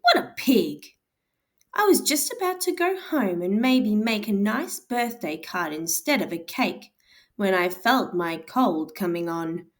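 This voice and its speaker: A woman reads a storybook aloud in the voice of a male wolf who feels wronged, self-pitying and insisting he is innocent. She sounds aggrieved, drawing out her words slowly in an expressive, natural, mid-range voice, with guitar music behind her.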